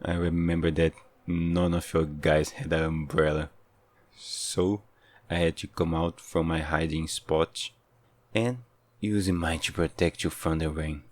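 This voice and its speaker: A man's voice: a bass voice, level tone, measured pace, no room sound. A man playing an obsessive, hot-headed, possessive yandere lover with intense, pleading devotion in a dramatic audio role-play. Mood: grudging, weary.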